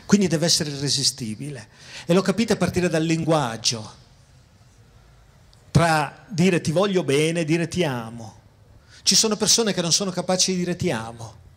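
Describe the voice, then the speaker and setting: A man with a fairly high voice lectures to an audience, talking to them directly. He often repeats and restarts his phrases, then slows right down to lean on the words that matter. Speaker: philosopher giving a public talk. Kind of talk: public lecture. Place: outdoor town square.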